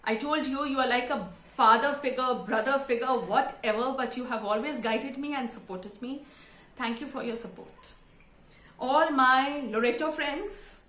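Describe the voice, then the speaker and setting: A woman of about fifty with an Indian English accent, giving a sincere, emotional thank-you speech to camera with halting fillers. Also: sits high, sharp tone. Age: around 50. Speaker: vlogger and school teacher. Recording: roomy echo.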